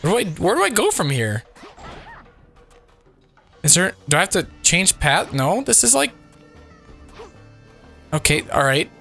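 Sick guy doing game commentary, voice kinda off, bright and jumpy, yelps at everything. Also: sits high, a little slow, gravelly, pauses often, soft background music. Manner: excitable, reactive, frequent exclamations and chuckles. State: sick, voice not fully recovered. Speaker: let's play host. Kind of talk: casual gameplay commentary.

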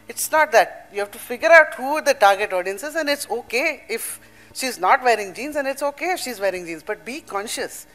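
A woman's voice: mid-range voice, a bit bright. An older woman with an Indian English accent speaking earnestly at a public event, mixing emphatic points with personal stories. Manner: earnest, emphatic, storytelling with asides. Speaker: panel speaker.

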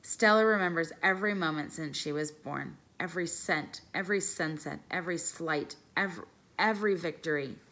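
A woman calmly reading a children's novel aloud, careful and measured as a teacher. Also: low voice. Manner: calm, careful storytelling, pausing over phrases.

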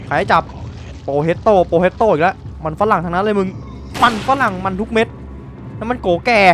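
Excitable high-voiced male gamer. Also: brisk, soft background music. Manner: excitable, exclaims and repeats words. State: just woke up, a little drowsy. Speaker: gameplay commentator. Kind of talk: live gameplay commentary.

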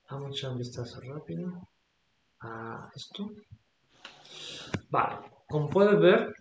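A man's voice: medium pitch, a little mellow, slight background noise. A man teaching English vocabulary, patiently repeating words and checking that the student follows. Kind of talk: explaining vocabulary in a lesson. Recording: echoey room.

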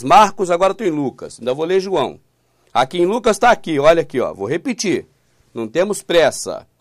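A man preaches in a high, lively voice that swings widely. He reads scripture aloud slowly, then turns insistent and fires repeated questions at the listener. The sound is close and dry. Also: no room sound. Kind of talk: YouTube Bible teaching.

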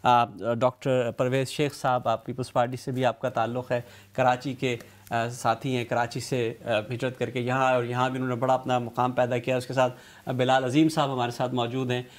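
A man, hosting a TV talk show and opening it with a measured, reflective studio monologue. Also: mid-range voice, flat delivery. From Karachi, Pakistan. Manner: measured, reflective storytelling with rhetorical lists. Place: TV studio with city backdrop, indoors.

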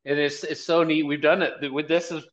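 Speaking fairly quickly in a slightly high voice with little pitch movement, this fifties-aged guest, a college marketing director who organizes events, answers earnestly and tends to repeat himself. The casual video-call interview comes from a small office, and the call audio is dull and lo-fi.

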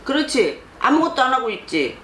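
A blunt fortune teller lectures and scolds, pushing for answers with sharp repeated questions. The voice sits in a roomy space. A faint hiss of background noise runs underneath. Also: sits high, sing-song, brisk. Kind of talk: scolding counsel session.

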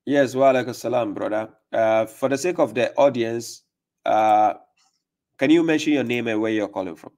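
Here the host's voice sits mid-range with a darkish tone, moving at a moderate pace. He's a man streaming a live call-in debate from a small indoor room with a home desk setup. Plain-voiced and pushy, he keeps questioning, pressing, and saying things again.

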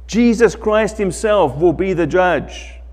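A middle-aged man preaches at a church lectern, his voice pitched a little high and his delivery very unhurried and deliberate. He leans on emphatic phrases, swelling loud and then falling to near-quiet. The church hall carries a long reverb around him. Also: expressive. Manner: slow, emphatic preaching with wide swings in loudness. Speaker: pastor. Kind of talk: sermon.

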